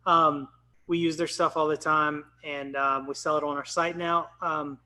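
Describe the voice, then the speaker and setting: A man's voice: fairly high pitch, flat delivery, moderate pace, pushed and bright. A man in his thirties hosting a casual live podcast, upbeat and chatty with lots of ums. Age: 30s. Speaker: podcast host.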